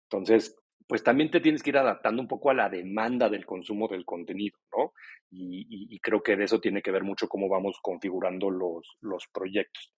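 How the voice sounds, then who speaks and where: A man being interviewed as co-founder of an audio entertainment company, talking in a thoughtful, relaxed way with some restarts. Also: on the low side, moderate pace, breathy edge, dry recording. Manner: thoughtful, many restarts and fillers.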